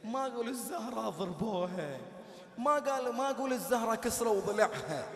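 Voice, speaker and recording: High-voiced preacher in an echoing hall. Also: male voice, expressive, a little fast. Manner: impassioned, shouting and chanting in grief. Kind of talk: mourning sermon. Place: large prayer hall. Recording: echoey hall with long reverb.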